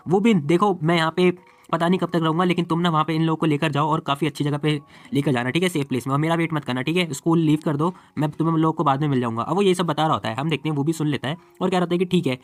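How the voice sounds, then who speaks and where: Fast-talking man recapping a comic. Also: fairly high pitch, dry recording. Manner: chatty, retells scenes and voices characters' lines; adds personal asides. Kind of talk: casual storytelling recap with quoted dialogue.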